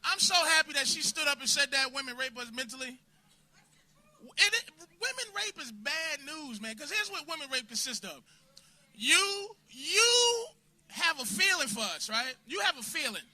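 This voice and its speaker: A man doing a crude, confrontational stand-up set in a comedy club, bursting into shouts at hecklers. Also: very high-pitched, sing-song, measured pace.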